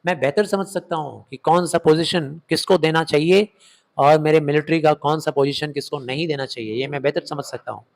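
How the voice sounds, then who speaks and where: A man's voice: fairly high pitch, brisk, gravelly. A man with an Indian English accent, an English literature teacher reading a play aloud and explaining it line by line, emphatic and fond of rhetorical questions.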